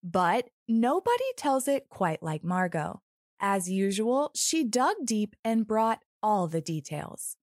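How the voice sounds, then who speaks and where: Female podcast host, animated melody, friendly and informal, dry studio-close sound. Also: mid-range voice, slow, dry recording. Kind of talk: scripted podcast introduction.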